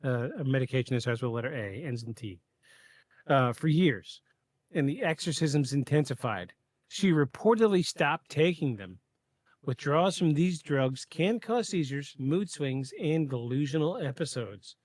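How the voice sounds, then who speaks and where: Dry, measured man narrating a podcast. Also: mid-range voice, lively intonation, a little mellow, no room sound. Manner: reads a prepared script in a measured way, with stumbles and asides. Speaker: podcast host. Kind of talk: scripted narration of a paranormal case.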